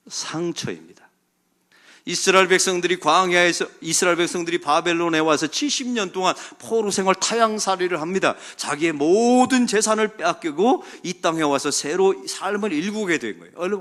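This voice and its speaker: Middle-aged man, senior pastor, emphatic sermon, higher-pitched voice, loud calls and quiet asides, church sanctuary.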